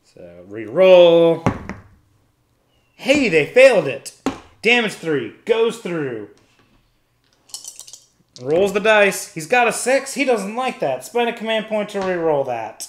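In a high, sing-song voice at a slow pace, a man talks casually through a solo tabletop wargame, calling out every dice roll step by step and thinking aloud. The recording has an echoey room and slight background noise.

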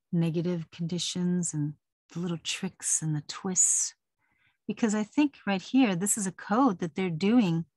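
A woman's voice: fairly low pitch, darkish tone, no echo. Chatty woman rambling in a dry room. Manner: chatty, rambling, laughs while talking. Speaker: vlogger. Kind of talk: casual personal talk.

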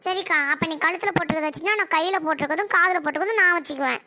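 Brief: younger daughter-in-law, voiced by a woman, squeaky, piercing and whiny. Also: racing, pushed and bright, heavily acted. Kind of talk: cartoon voice acting.

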